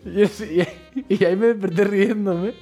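A man co-hosting a casual chat podcast tells the story of a dream, acting out the crowd's voices as an animated storyteller. His voice sits high, his pace is moderate, and faint music plays behind him.

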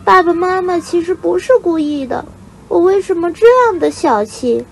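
A woman voicing a young, sulky, tearful bird chick in a storybook reading, calling out high and excited. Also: normal speed, creaky, slight background noise. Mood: childlike.

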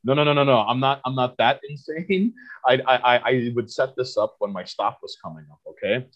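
Queens man in his thirties, mid-pitched, rambling profane podcast guest, slightly muffled lo-fi audio. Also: brisk. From Queens, New York. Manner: rambling, profane storytelling with stammered restarts. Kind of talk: casual podcast chat.

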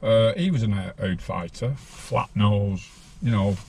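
A man's voice: lowish voice, unhurried, creaky, a little mellow, slightly rough. A man, telling his life story bluntly as an interview guest. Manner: rambling, blunt, laughs while telling.

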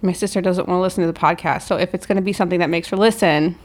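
Female podcast co-host, lowish voice, casual and explanatory. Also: fairly even intonation, rapid-fire, slight background noise. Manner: informal, conversational.

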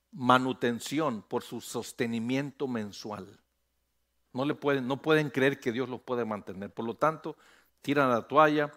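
A man's voice: mid-range voice, fairly bright tone. A middle-aged man, a pastor preaching a sermon, calling on the congregation to repeat after him and rising to emphatic peaks.

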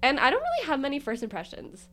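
A woman's voice: sits high, wildly swooping pitch, fast talker, fairly bright tone. A young woman co-hosting a podcast, chatting casually with a giggly, self-deprecating manner and lots of filler words. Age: young adult. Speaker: podcast co-host. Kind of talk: casual chat.

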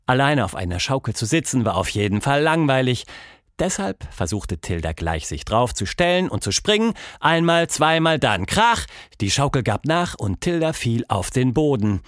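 A man reading a children's storybook aloud, with expressive, unhurried narration on a close studio mic. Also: medium pitch, no echo. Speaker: storybook reader.

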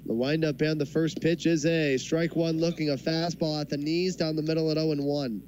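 Higher-voiced man calling baseball play-by-play. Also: level tone, moderate pace, a little mellow, low-quality recording. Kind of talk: live sports commentary. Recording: clear background noise from a ballpark. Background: ballpark ambience.

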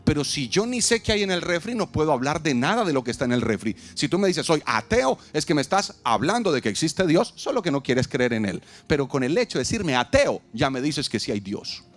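Man in his thirties, outdoor preacher, lively and joking, acts out dialogues, faint music behind. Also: fairly high pitch, brisk, hardly any pauses. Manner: animated, humorous, acts out dialogues, asks the crowd to repeat. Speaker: pastor. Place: outdoors in a parking lot.

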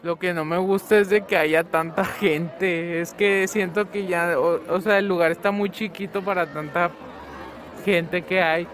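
A teenage boy with a notably high voice answers interview questions outdoors at his school. He rambles casually, full of fillers, and gets animated when he tells a story. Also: measured pace. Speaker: student interviewee. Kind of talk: casual chat.

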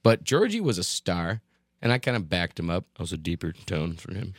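Man, podcast co-host, casual chat, lively pitch, dry close sound. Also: brisk, no room sound. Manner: joking, rambling storyteller, laughs often.

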